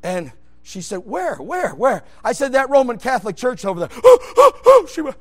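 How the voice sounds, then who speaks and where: A man preaching an emphatic Baptist sermon, swinging between loud shouted bursts and low, quiet asides. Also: big pitch swings, fairly quick. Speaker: pastor.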